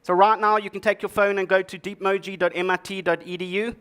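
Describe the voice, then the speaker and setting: A man's voice: high-pitched, quick pace, smooth. Joking man at a conference. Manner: joking, lively presenter. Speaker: conference speaker. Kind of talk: humorous tech conference talk.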